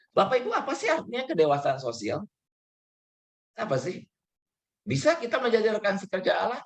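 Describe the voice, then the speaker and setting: A man's voice: sits high, gravelly. A man who is a pastor, giving a conversational sermon with English terms mixed in, acting out little dialogues and laughing now and then.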